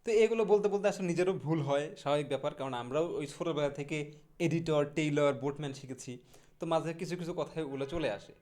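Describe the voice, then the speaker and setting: A man teaching English pronunciation in a casual video lesson, repeating each word slowly several times. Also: on the high side, darkish tone. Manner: repeats model words slowly and drills them.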